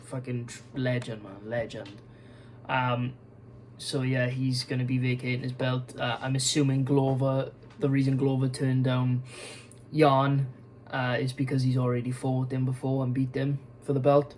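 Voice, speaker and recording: A man's voice: medium pitch, monotone, moderate pace, a little mellow, a little hiss or hum, rough recording. A young man talking casually as an MMA video host, rambling with many fillers, restarts and frequent swearing, tired and yawning. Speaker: MMA YouTuber. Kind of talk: casual news commentary vlog.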